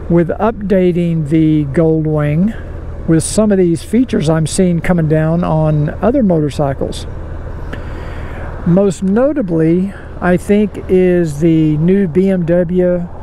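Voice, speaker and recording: A man vlogging from his motorcycle on city streets, talking casually and rambling with frequent pauses, through a helmet mic. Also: high voice, warm tone. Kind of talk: casual moto-vlog commentary. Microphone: helmet-mounted wireless mic. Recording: road and wind noise behind the voice.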